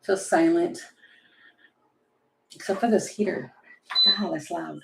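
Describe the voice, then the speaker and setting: A woman's voice: fairly low pitch, slow pace, creaky, a bit bright, echoey room, slight background noise. A woman who reads tarot on a live stream, casual and chatty, thinking aloud from home. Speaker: tarot reader. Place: home room with a heater running.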